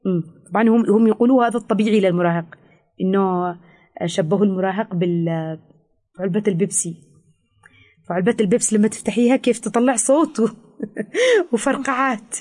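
A woman with a Yemeni Arabic accent, a counselor explaining things in an interview, fast with frequent hesitations. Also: mid-range voice, mellow. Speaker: teen counselor. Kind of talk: expert interview answers.

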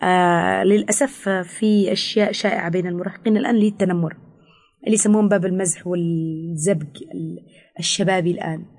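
A woman with a Yemeni Arabic accent, a counselor explaining things in an interview, fast with frequent hesitations. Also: lowish voice, fairly even intonation, a little mellow. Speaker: teen counselor. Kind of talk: expert interview answers.

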